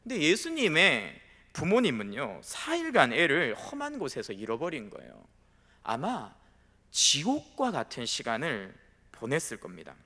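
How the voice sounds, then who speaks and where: Lively male pastor in a reverberant hall. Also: a little high, measured pace. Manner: storytelling, acting out quoted voices. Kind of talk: sermon. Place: church sanctuary.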